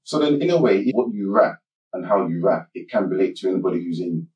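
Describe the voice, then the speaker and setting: A man interviewing a guest, recapping points before asking measured questions. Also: low voice, a little mellow, reverberant, far from the mic, muffled recording.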